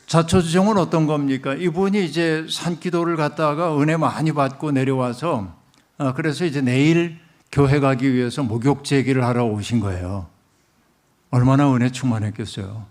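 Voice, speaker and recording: A man's voice: mid-range voice, moderate pace, darkish tone. Middle-aged male pastor, storytelling sermon, speaks directly to the congregation, mid-range voice.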